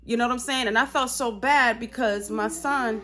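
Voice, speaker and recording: Her voice is a little high and steady in tone, at a moderate pace, as this parent vlogs casually and grows heated, bursting out indignantly and often asking "you know what I'm saying." Loud music sits behind her voice, along with background noise.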